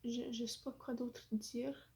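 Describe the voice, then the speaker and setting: A woman's voice: fairly high pitch, flat delivery, takes it slowly, warm tone. Hesitant woman with an English-influenced French accent. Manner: hesitant, searching for words, many fillers; apologetic, self-conscious. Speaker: vlogger. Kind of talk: casual vlog monologue.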